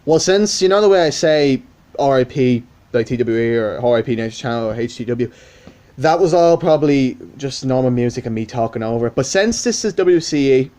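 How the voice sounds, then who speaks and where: A man's voice: mid-range voice, animated, fairly quick, a little mellow. A young man talking casually about his channel in a rambling, self-correcting way, with swearing. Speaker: YouTube channel creator. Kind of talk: casual vlog monologue.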